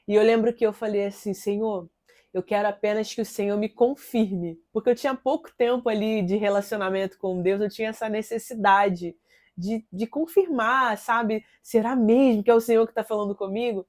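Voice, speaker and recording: A woman's voice: mid-range voice, normal speed, a little mellow. A Brazilian woman in her thirties tells a personal faith testimony in an earnest, conversational way, often adding little tag questions. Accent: Brazilian Portuguese. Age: 30s.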